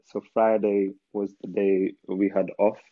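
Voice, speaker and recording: The dull, dry, lo-fi recording carries no echo as a young man from Afghanistan, with a lowish, unhurried voice, talks as a guest in a casual interview. He tells his story comfortably, using "you know" again and again.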